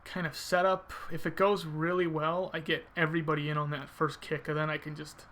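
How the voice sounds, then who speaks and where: A man's voice: fairly high pitch, little pitch movement, a little fast, a bit bright, slight background noise. A man giving casual video game commentary, thinking aloud informally as he explains his technique.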